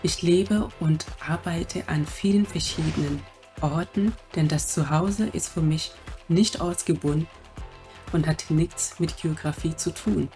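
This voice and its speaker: A woman's voice: sits low, a little slow. A woman giving a short, reflective self-introduction. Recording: soft music behind.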